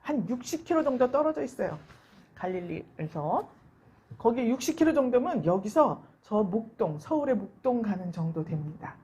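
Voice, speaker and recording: Korean woman preaching, husky voice. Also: fairly high pitch, big pitch swings, normal speed, dark tone. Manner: storytelling, acts out quoted voices with rising emphasis. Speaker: pastor. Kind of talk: sermon. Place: church.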